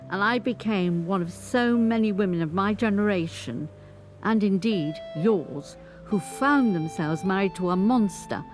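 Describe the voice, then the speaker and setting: An actress gives a measured, articulate, scripted first-person monologue as a dignified 85-year-old grandmother who survived abuse as a former footballer's wife, recounting her life. Her older voice is mid-range and darkish, grave and resigned. The studio recording has instrumental guitar music underneath.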